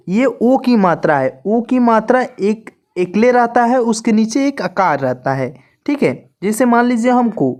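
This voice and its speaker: A woman's voice: on the high side, darkish tone. A woman teaching an online lesson, who repeats each point and keeps asking her viewers questions. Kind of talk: slow classroom-style lesson.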